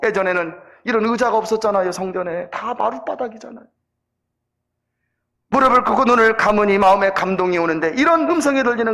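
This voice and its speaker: A man preaching a sermon in a church, telling a story with emphatic rises and slow, solemn endings. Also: high voice. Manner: emphatic storytelling, rising loud at peaks, slowing into solemn closing. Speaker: pastor. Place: church sanctuary.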